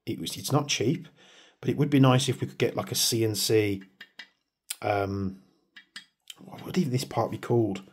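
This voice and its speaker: A man from the UK who makes airsoft videos talks through a product he's handling, rambling, chatty and quick to mock his own waffling. His voice sits on the low side and is slightly rough, moving at a moderate pace with frequent pauses.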